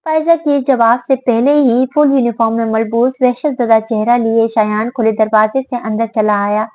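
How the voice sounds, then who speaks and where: High-voiced woman narrating a novel. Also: normal speed, dry recording, low-quality recording. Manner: steady storytelling delivery. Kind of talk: scripted audiobook narration.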